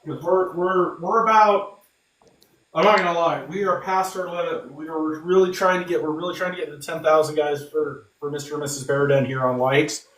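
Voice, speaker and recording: Hosting a laid-back livestream giveaway, this male podcast host talks emphatically, says things more than once and addresses listeners as "guys." He's a little high-pitched and brisk, with a steady, fairly bright tone. The audio comes from a distant mic in an echoey room.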